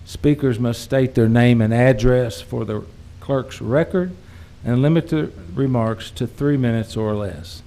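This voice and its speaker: Man, chairing a meeting, brisk, polite, procedural. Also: medium pitch, mellow.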